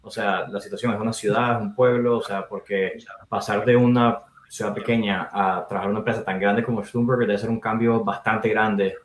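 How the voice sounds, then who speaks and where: A man's voice: on the low side, fairly even intonation, brisk. A man hosting a podcast, leading the interview in an upbeat, casual way with many fillers. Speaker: podcast host. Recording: roomy echo.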